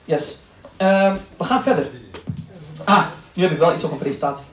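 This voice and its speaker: A man giving a lively lecture to a class, quick and joking, acting out the people in his stories. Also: high voice, faint music behind. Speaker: Islamic lecturer. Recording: echoey room, voice from a distance, faint noise.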